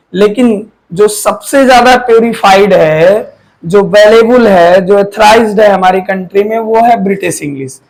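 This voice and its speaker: High-voiced man teaching a class. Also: low-quality recording. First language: Hindi. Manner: repeats key terms, quizzes students and answers himself. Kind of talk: classroom lecture.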